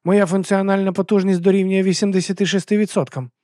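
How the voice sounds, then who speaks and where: An eager, friendly helper robot, voiced by a male reader in an audiobook. Its voice sits well above the reader's own, with a plaintive, polite and literal manner and an altered, unfamiliar timbre. The delivery is brisk. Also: high-pitched, little pitch movement, dark tone, no room sound, clean studio sound, pitched above the performer's own voice, natural voice. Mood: cheerful.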